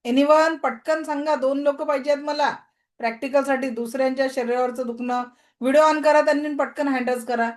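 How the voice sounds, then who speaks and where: A woman teaching an online reiki class, giving calm, repetitive guided-healing commands over a video call. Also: high voice, fairly quick.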